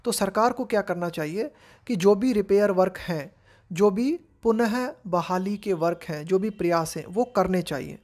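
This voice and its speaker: An Indian woman teaching English, reading editorial phrases slowly and explaining each one in Hindi. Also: medium pitch, darkish tone.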